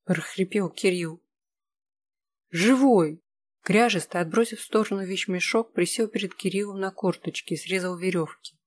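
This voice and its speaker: A narrator reading a novel aloud in a steady, measured way. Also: medium pitch. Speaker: audiobook narrator. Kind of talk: scripted narration of a fantasy novel.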